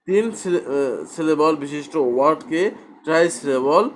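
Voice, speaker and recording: A man teaching a grammar lesson at a slow, deliberate pace. His voice sits a little high, and he asks questions aloud and then answers them himself. Faint background noise runs under the recording. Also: animated.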